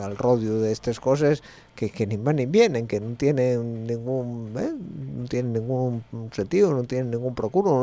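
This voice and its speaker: A man's voice: mid-range voice, darkish tone. A man with an Asturian accent hosting a late-night community radio show, musing in a rambling way with slightly slurred speech and a frequent questioning tag. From Asturias, Spain.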